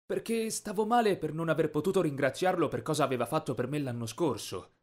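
A man narrating a teen story in the first person, expressive and dramatic. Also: fairly high pitch, fairly quick.

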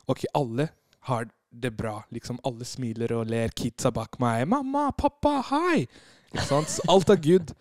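A man's voice: medium pitch, no echo, studio quality. A man on a podcast telling a story in casual chat, acting out the moments he describes. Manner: animated storyteller, acts out screams and quotes. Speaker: podcast guest.

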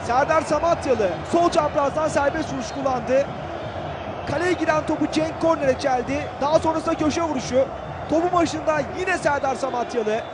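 High-pitched excitable male football commentator, crowd roaring. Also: normal speed. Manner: excitable, declamatory. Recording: loud stadium crowd noise behind. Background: cheering football stadium crowd.

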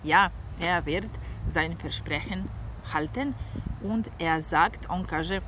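A woman whose first language is Serbian, teaching a bilingual German lesson, repeating each phrase slowly and then translating it. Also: lowish voice, noisy background.

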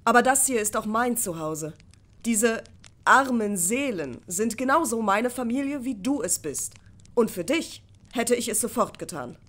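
Brief: a determined young male apprentice, urgent and pleading, pitched up, read by a woman. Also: expressive, unhurried, fairly bright tone. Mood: earnest. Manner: earnest, urgent, persuasive. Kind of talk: audiobook character voice.

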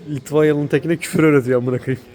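A man's voice: a little high, steady tone, quick pace. Young Turkish man vlogging amid crowd noise. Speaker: travel vlogger. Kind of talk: casual vlog chat with friends. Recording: busy crowd behind the voice.

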